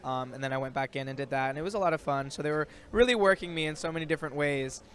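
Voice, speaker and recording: Outdoors in a built-up area, a young adult man, an actor appearing as a guest, answers interview questions. His voice is on the high side and fairly bright, racing along as he rambles loosely through casual chat full of ums and likes.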